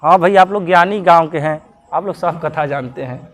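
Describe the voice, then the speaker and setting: Lively man telling religious stories. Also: on the high side, fairly quick. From Bihar. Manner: lively, humorous, talks to the audience. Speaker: religious storyteller. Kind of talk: devotional storytelling sermon.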